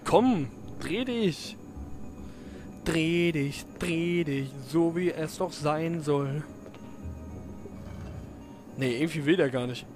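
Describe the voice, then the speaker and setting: Slow and pausing often, a let's play commentator with a somewhat high but darkish-toned voice cracks jokes and chats with the game's characters as game music runs in the background.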